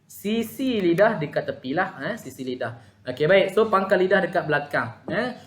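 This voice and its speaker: A man's voice: high-pitched, expressive, fairly bright tone. A man with a Malaysian Malay accent teaching Quran recitation in an online lesson, patiently sounding out letters. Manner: patient, demonstrates letter sounds slowly, frequent "ha". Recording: echoey room.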